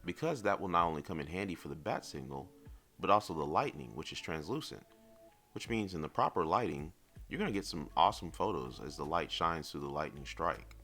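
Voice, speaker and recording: Narrating a semi-scripted collectibles review, a low-voiced man speaks expressively in a measured, articulate manner with a light wry edge. Music plays in the background, and his tone is a bit bright.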